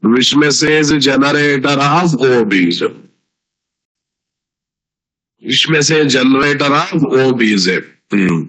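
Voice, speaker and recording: Telugu indian guy teaching coding class online, takes it slow, repeats stuff, keeps asking students questions. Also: mid-range voice, animated, a bit bright, low-quality recording. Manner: repetitive, with frequent checking questions to students. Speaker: programming teacher. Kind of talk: live online coding lecture.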